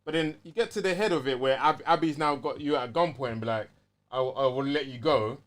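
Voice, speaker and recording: With a medium-pitched, brisk voice and a London accent, a man co-hosts a casual game review podcast. He's slangy and tends to act out his reactions.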